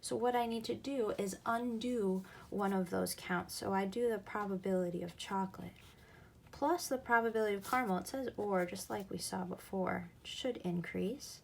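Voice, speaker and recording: A woman's voice: mid-range voice, moderate pace, creaky, a little hiss or hum. A woman teaching a recorded math lesson, explaining patiently and going back over each key point.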